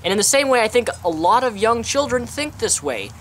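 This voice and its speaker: A man's voice: very high voice, sing-song, brisk, fairly bright tone, slight background noise. Young man vlogging outdoors. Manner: chatty, eating while talking. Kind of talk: casual opinion vlog. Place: outdoors on a sunny day.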